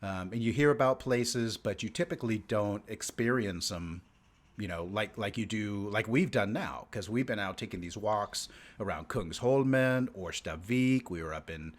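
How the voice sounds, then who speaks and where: A man's voice: on the low side, moderate pace. A man co-hosting a podcast in casual chat, rambling with many fillers and restarts. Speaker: podcast co-host.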